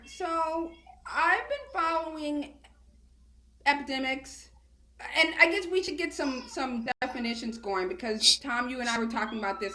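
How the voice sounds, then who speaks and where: Ny woman chatting as interview guest, highish voice, echoey room. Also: pushed and bright. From Queens, New York, United States. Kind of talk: casual conversational interview. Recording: roomy, echoey sound.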